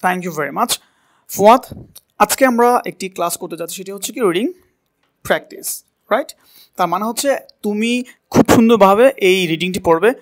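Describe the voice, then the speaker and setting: A man's voice: sits high, a little fast, pauses often. A man teaching a spoken English class, asking a student to repeat words and correcting how they are said. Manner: coaching pronunciation, asks and repeats words.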